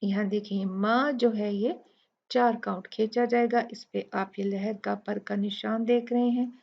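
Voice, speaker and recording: A woman with an Urdu accent teaching Quran recitation rules, explaining each rule step by step and then reciting the words slowly. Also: medium pitch, steady tone, creaky, highs cut off. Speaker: tajweed teacher.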